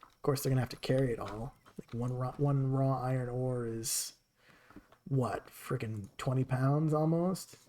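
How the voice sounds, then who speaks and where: A man's voice: mid-range voice, fairly even intonation, unhurried, mellow. A man streaming a game with casual commentary, chatting to his characters as he plays.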